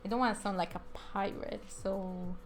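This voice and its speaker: Over background music, a young adult woman chats casually through rambling voice-over commentary for her speed draw video as an animator, poking fun at herself and pronouncing R's as W's. She speaks at a moderate pace with medium pitch and fairly even intonation.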